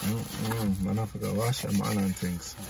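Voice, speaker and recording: A man's voice: on the low side, level tone, a little slow, vocal fry. A young man chatting casually in heavy slang and swearing freely. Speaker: food challenge participant. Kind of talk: casual chat. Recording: distant mic, noisy vehicle ambience.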